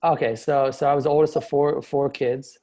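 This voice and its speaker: A man's voice: medium pitch, steady tone, fairly quick, warm tone. A man from Miami talking as a guest over a video call, hesitant and full of restarts. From Miami, United States. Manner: hesitant, many fillers and restarts. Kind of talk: casual interview talk. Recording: muffled lo-fi call audio.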